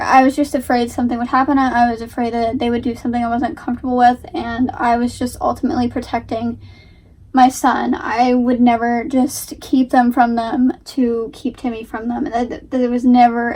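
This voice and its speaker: A young woman with a high voice hosts a casual reaction video. She talks off the cuff, explaining her side haltingly and repeating words for emphasis. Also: flat delivery, a little mellow, distant mic. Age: young adult.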